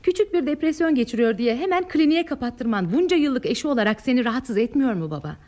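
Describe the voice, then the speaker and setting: An actress playing an anguished, defiant adult daughter in old radio theatre style, earnest and formally articulated. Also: female voice, high voice, expressive, quick pace, a little mellow. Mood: accusing, anguished. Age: late 30s.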